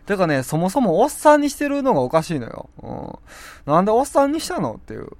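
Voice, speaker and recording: A man's voice: high voice, big pitch swings, fast, dry recording. Kansai man chatting with a scratchy throat. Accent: Kansai Japanese. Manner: rambling, self-mocking, chatty. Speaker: web radio host. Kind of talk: casual solo chat. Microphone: speaking through a face mask.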